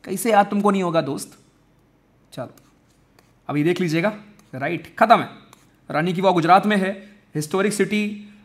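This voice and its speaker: A young man teaching exam-prep mnemonics in a chatty, energetic lesson, calling his viewers friends and brothers. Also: high voice.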